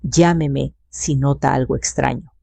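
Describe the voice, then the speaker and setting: An older woman voicing a calm, formal female health investigator who speaks in measured, procedural terms. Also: a bass voice, creaky, no room sound, full character voice.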